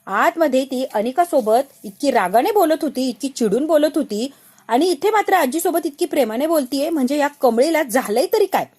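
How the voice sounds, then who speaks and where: A woman narrating a recap of a TV serial in a lively storytelling manner. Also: high-pitched, normal speed. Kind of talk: retelling a TV serial.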